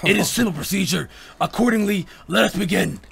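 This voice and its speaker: Robot-voice gym leader, man voicing her high and gravelly, stiff and formal. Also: fairly quick, full character voice. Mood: robotic formal. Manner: flat robotic delivery, formal wording. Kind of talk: roleplaying a game character for friends.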